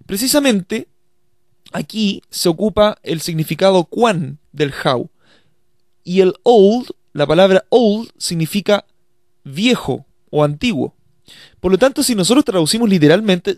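A high-pitched man teaches a language lesson, patiently explaining step by step and speaking directly to his learners. The audio is studio quality with no echo.

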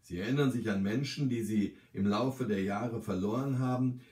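A man calmly and gently reading a short story aloud as its narrator. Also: on the low side, moderate pace, far from the mic. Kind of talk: scripted narration. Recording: roomy, from the mic.

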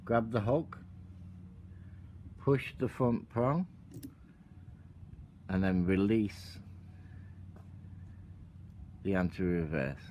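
A man giving a calm, step-by-step tutorial while working with his hands at an outdoor table. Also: lowish voice, very slow, long pauses, slight background noise. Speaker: product demonstrator.

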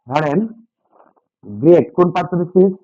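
A man's voice: fairly high pitch, lively intonation, moderate pace, dark tone, dry recording. A man teaching English grammar to a class, repeating key points and asking students questions. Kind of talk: classroom lesson with call-and-response. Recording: dull, dry lo-fi sound.

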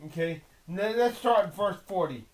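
Man critic, high pitched, preachy and confrontational, unscripted rant. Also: lively intonation, normal speed, darkish tone. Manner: preachy, confrontational, quotes old-style scripture aloud. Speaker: video critic reacting to a documentary. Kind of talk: impassioned off-the-cuff commentary.

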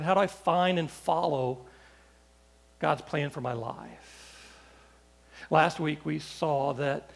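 A male pastor delivers a sermon in a conversational storytelling manner, often restarting his phrases. His voice sits high, with a gravelly texture.

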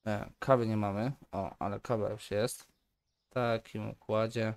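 A man's voice: fairly low pitch, steady tone, slow, darkish tone. A man giving casual, playful commentary while playing a game, bantering in a mock-polite shopkeeper tone. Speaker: gaming YouTuber. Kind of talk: casual let's play commentary.

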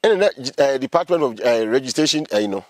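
A Ghanaian man in his thirties interviewing conversationally, putting his questions in a halting way. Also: medium pitch, lively intonation, darkish tone, no room sound. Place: outdoors among trees.

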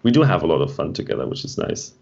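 A man's voice: extremely low pitch, big pitch swings, very fast, gravelly, darkish tone. A man co-hosting an online meetup stream, chatting casually and rambling as he reads and answers the chat. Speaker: meetup co-host. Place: home. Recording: dull lo-fi stream audio.

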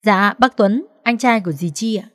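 A woman voicing a small, caring boy who speaks softly and politely in an audiobook. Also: medium pitch, moderate pace, no echo, studio quality, pitched above the performer's own voice, lightly acted. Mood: gentle, worried. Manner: soft, polite childlike asking. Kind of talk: audiobook character voice.

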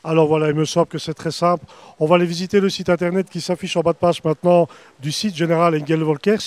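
A chatty middle-aged man fronts an outdoor reception with a handheld mic, his voice sitting a little high for a man. The sound is close and dry. He keeps an upbeat presenter's tone. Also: darkish tone, dry recording. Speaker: interviewer. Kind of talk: event interview. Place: outdoors on a lawn at an evening reception. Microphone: handheld microphone.

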